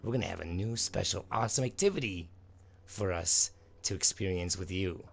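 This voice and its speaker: A man's voice: low voice, fairly quick, vocal fry, a little hiss or hum. A man hosting his own channel, chatting casually and enthusiastically to viewers, often calling them "guys" and "dude". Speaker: channel host. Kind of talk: casual review chat.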